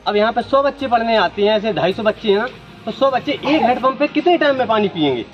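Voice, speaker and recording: A man from Madhya Pradesh with a very high voice, speaking in short indignant bursts as a village resident lodging complaints. The sound is dull and lo-fi, with music playing underneath. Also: expressive, quick pace. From Datia district, Madhya Pradesh, India. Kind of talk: on-the-spot interview. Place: outdoors at a village school.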